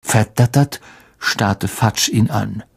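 A man narrating an audiobook in a measured storytelling manner. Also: on the low side, vocal fry, breathy edge. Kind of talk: scripted narration.

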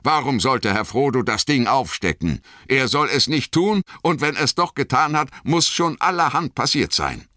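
A man voicing a loyal young male hobbit who talks indignantly and shouts in agitation. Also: medium pitch, sing-song, moderate pace, hardly any pauses, no echo, clean studio sound, voice pushed up.

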